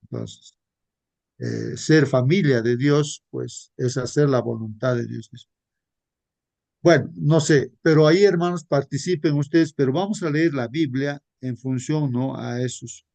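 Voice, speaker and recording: A man leading a Sabbath school Bible study, slow and repetitive, often calling his listeners brothers. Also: mid-range voice, creaky, darkish tone, no room sound.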